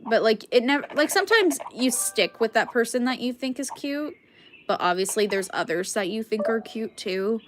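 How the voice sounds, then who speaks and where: A woman's voice: fairly high pitch, expressive, moderate pace, soft background music. Rambling young woman with a cough. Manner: rambling, filler-heavy, frequent "like". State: sick with a cough. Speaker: streamer. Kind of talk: casual chat with viewers. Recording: clicky background noise.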